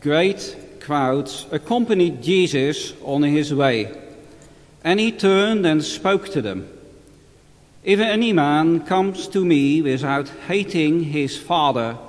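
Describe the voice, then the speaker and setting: A male priest proclaims the gospel in a slow, measured liturgical reading. His voice sits somewhat high for a man and takes its time. Every phrase rings out and lingers in the long cathedral echo of a large church. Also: lively intonation. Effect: long cathedral-like reverb. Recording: reverberant church hall recording.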